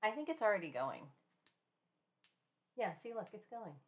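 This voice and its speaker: Woman art instructor, relaxed live-stream class; gentle, chatty, laughs often. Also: mid-range voice, moderate pace.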